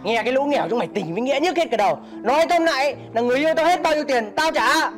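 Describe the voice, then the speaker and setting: A rich, arrogant director, played by a man, in a web skit drama. He taunts and brags in a quick, mid-pitched voice, with soft music under him. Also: lively intonation. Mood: mocking. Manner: mocking, boastful. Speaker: actor.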